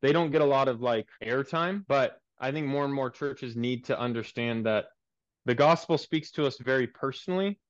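A young man in his twenties talks earnestly about church life in a preacherly way. His voice comes through a muffled, lo-fi line with a dry, close sound and no room around it. He sits at a middling pitch for a man. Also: normal speed, no room sound. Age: 20s. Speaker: pastor and guest. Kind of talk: podcast interview.

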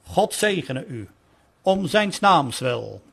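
Gravelly high-voiced man reading a sermon. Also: big pitch swings, a bit bright. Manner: earnest pleading delivery, slowing for quoted calls.

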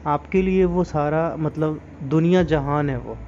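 A man's voice: on the high side, a little slow, darkish tone, muffled recording, a little hiss or hum. A man talking in an earnest, moralizing way, asking his listeners many rhetorical questions in a casual spoken monologue. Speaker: podcast host.

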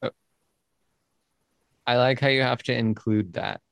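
A man's voice: mid-range voice, steady tone, measured pace, vocal fry, fairly bright tone, smooth, no echo. A man hosting a podcast in casual chat, playful and rambling, often restarting his sentences. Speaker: podcast host.

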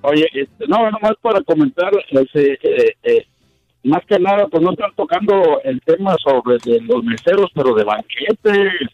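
Hesitant caller on a muffled phone. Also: male voice, fairly high pitch, lively intonation, a little slow, no room sound, soft background music. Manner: hesitant, many fillers. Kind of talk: casual phone call. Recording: muffled hard-to-understand phone line.

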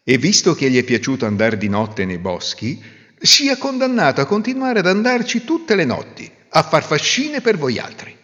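A man's voice: on the high side, huge pitch swings, moderate pace, a bit bright. A man voicing a clever, self-assured young peasant hero in a folk tale. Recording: roomy reverb, dull lo-fi sound.

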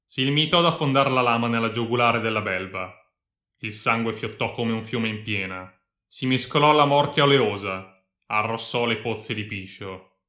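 A man narrates a story in a dramatic, measured audiobook style. His voice is mid-pitched with a bright, sharp edge. It is recorded in an echoey room.

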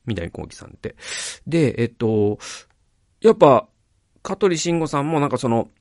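A male podcast host chatting casually and animatedly, his pitch rising and falling a lot as he rambles. He keeps breaking off mid-thought and starting over. The sound is dry and close, with no room echo. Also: normal speed. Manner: animated, rambling, often restarts his sentences. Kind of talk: casual chat about film acting.

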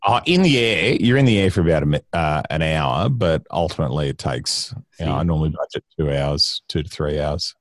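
Australian man, Queensland accent, low pitch, close dry sound, droll casual chat. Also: lively intonation, fairly quick, few pauses, no echo. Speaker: guest.

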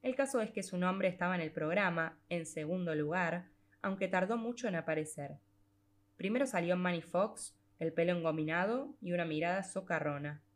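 This audiobook narrator is a woman whose voice is on the low side. She reads a literary short story in a measured manner, lingering on drawn-out phrases.

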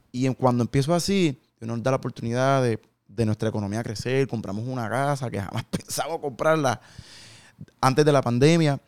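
A man in his thirties gives a heartfelt testimony in an interview. His voice is smooth and clear, at an ordinary pitch, and he acts out the conversations he remembers with slangy asides. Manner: earnest storytelling with quoted dialogue, slangy asides.

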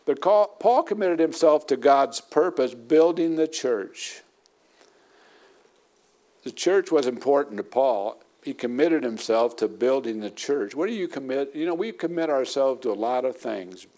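A man's voice: mid-range voice, expressive, moderate pace, hardly any pauses, a little mellow. A middle-aged man preaching a sermon as pastor, emphatic and repeating his points for weight.

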